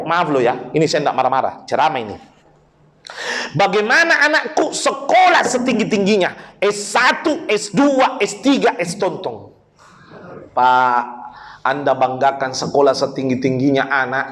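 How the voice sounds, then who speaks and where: Preacher, male, high voice, blunt comic delivery, speaks straight to the crowd. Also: a bit bright. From Makassar, South Sulawesi. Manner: blunt, joking, addresses the men in the crowd directly. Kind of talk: humorous sermon.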